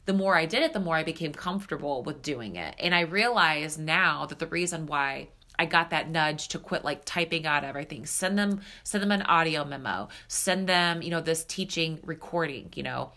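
A thirty-something woman runs her own podcast, speaking solo as a spiritual coach in a candid, casual, filler-filled way. Her deep voice sounds pushed and bright, a little nasal and stuffed up, moving at a moderate pace with hardly any pauses.

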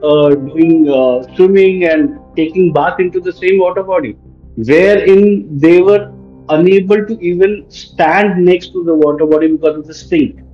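Earnest middle-aged Indian man, slightly high voice. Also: lo-fi sound. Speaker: expert panelist. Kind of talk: explanatory panel talk.

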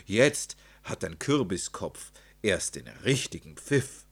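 A man's voice: slow pace, vocal fry, exaggerated voice. A man doing a kindly old lamplighter. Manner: calm, low, soft-spoken. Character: old, slow-footed male lamplighter, kindly.

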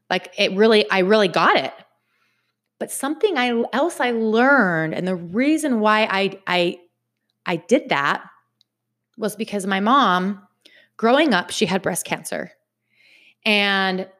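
Woman, casual motivational vlog, animated, chatty, repeats herself for emphasis. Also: mid-range voice. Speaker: vlogger. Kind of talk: casual motivational talk to camera.

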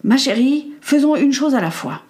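Eager worried husband in an audiobook, read by a woman, loud and stammering. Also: high voice, lively intonation, normal speed, pitched above the performer's own voice. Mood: urgent. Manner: raised, urgent and stammering. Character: anxious middle-aged husband, a journalist, eager.

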